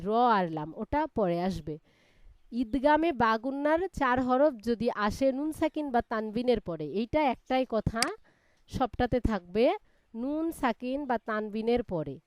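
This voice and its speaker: Clear, high-voiced woman teaching Quran reading. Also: a little mellow, no echo, clean studio sound. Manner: spells out letters and reads them slowly, explaining rules patiently. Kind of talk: live online Quran reading class.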